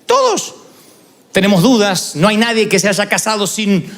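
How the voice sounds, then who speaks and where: Animated preacher in a reverberant hall. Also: male voice, sits high, normal speed, creaky. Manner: animated preaching, acts out quoted voices. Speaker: pastor. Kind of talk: sermon.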